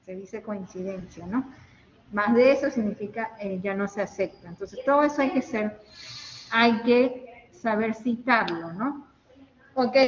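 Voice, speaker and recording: Female lecturer, fairly high voice, patient step-by-step delivery; long hall echo, muffled lo-fi line. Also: measured pace. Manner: explaining step by step, often checking with "¿ok?" and "¿no?". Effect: echoing, hall-like reverb. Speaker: university lecturer. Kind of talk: online class lecture. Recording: echoey, dull audio with faint hiss.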